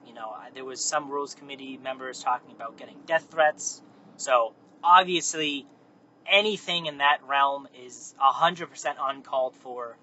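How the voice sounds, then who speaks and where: A man's voice: medium pitch, normal speed, pushed and bright. A man hosting a casual, meandering, unscripted monologue, recorded on his phone while driving. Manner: casual, meandering, self-correcting. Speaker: host. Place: inside a car. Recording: muffled phone recording in a car with faint road noise.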